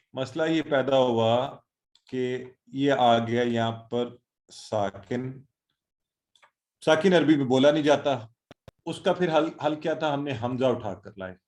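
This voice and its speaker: A man teaching an online Quran class, encouraging students and drilling words slowly. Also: medium pitch, a little mellow.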